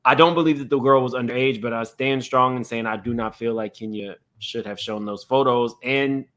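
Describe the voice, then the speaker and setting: Casting: male commentary host, mid-pitched voice, casual and conversational, blunt and unapologetic. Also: steady tone, brisk, a bit bright.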